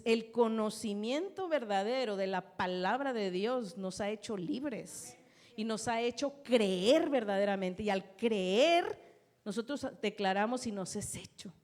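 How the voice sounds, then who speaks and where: A woman's voice: mid-range voice, a little mellow. A woman pastor preaching a sermon, reading scripture with emphasis and turning to the congregation with asides. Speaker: pastor and teacher.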